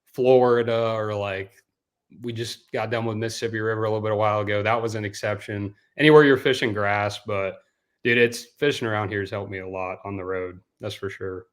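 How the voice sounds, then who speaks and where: A young man from Denmark speaks as the guest on a casual podcast. He has a somewhat low voice and talks in a loose, rambling way. He says dude a lot. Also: fairly even intonation, brisk. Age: young adult. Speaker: guest, professional bass angler.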